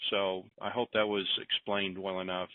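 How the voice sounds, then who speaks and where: A man with a low, level voice hosts a conference call at a normal pace, reading listener questions aloud and answering in a rambling, self-deprecating, joking manner. The recording is dry and comes through a tinny phone line.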